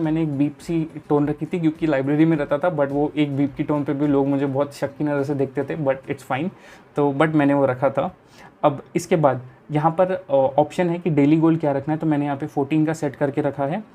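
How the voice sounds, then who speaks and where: A young man from India talks through his study routine in a casual vlog. His voice is mellow and soft-edged, and his manner is easygoing and explanatory. He speaks straight to the viewer. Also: on the high side. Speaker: chartered accountancy student and study vlogger.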